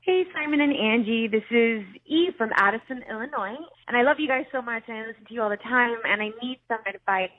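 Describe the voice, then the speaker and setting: A woman's voice: a little high, fairly quick, hardly any pauses. A woman caller leaving an earnest, rambling voicemail asking for advice, played back on the air. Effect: voicemail message played over the air. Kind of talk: recorded voice message asking for advice. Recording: tinny phone-line voicemail.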